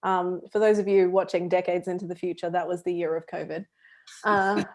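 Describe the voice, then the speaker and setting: A woman's voice: on the low side, fairly even intonation, fairly quick. A woman co-hosting a podcast, talking in a casual, chatty way with fillers. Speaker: podcast co-host. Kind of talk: casual chat.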